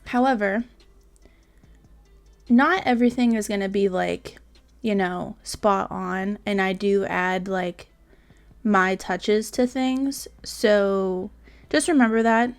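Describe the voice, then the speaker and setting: A woman talks loosely through her game build in a casual voice-over, wandering from thought to thought with plenty of fillers and half-finished asides. She sounds tired and a little sleepy, her voice sitting in an ordinary middle pitch. Faint music plays quietly behind her. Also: fairly even intonation, slow, long pauses, clean tone. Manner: rambling, many fillers and trailing asides. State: tired, yawning.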